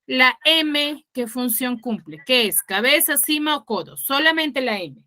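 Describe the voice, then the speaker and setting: Woman teacher quizzing pupils online; bright, clear voice, unhurried delivery. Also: high voice, lively intonation. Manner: quizzing students, explains patiently. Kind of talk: online class instruction. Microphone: video call.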